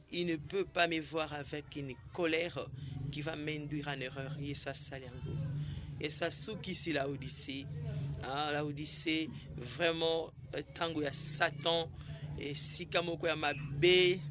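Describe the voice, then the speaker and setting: A woman's voice: sits low, a bit bright, a little hiss or hum. Woman preacher, informal and exclamatory, peppers her talk with amens. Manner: exclamatory, frequent amens, shifts between French and Lingala.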